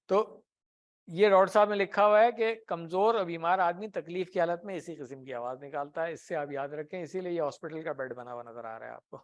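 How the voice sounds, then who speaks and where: A man teaching Arabic grammar in an Urdu classroom lecture, patiently explaining with everyday examples and asking the class questions. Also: on the high side. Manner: often ends points with a tag question.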